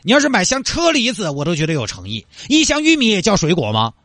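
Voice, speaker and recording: A man's voice: high-pitched, wildly swooping pitch, fast, fairly bright tone, no room sound, clean studio sound, pitched above the performer's own voice, heavily acted. A man voicing an indignant young male car owner, scolding and exasperated.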